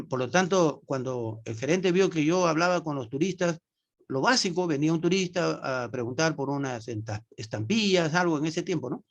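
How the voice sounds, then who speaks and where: Male teacher on a video call, slightly high-pitched, drawing out words and checking in with "¿no?". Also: lively intonation. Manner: demonstrates words slowly, often ends with "¿no?". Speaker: English teacher. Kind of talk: online class explanation.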